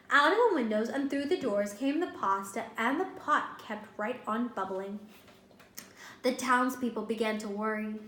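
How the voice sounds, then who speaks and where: Reading a storybook to young children with lots of animation, a woman whose voice is a little high and fairly bright stops now and then to ask questions and explain things. Her teaching takes place in an echoing, roomy indoor space.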